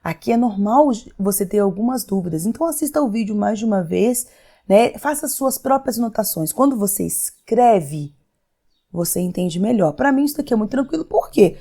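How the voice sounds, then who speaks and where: A Brazilian woman teaching a recorded English grammar lesson, patiently walking through the rules step by step and voicing the questions her students might ask. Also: normal speed. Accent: Brazilian Portuguese. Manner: lively, swings her pitch up and down for emphasis.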